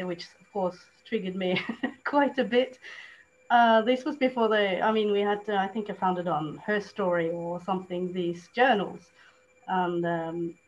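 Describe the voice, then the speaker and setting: Woman from Norway on muffled call. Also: mid-range voice. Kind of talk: casual panel remarks. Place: indoors, on a video call. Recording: dull, noisy video call.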